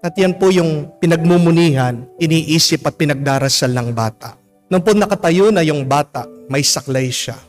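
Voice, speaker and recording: Gentle priest telling a homily story. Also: male voice, a little high, normal speed, faint music behind. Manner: gentle, polite storytelling with frequent respectful particles.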